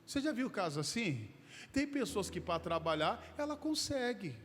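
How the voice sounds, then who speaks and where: A man's voice: sits high, normal speed. A middle-aged man, preaching a storytelling sermon and calling his listeners brother. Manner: lively anecdotal, addresses listeners as brother. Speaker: pastor. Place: church hall. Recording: reverberant hall with background music.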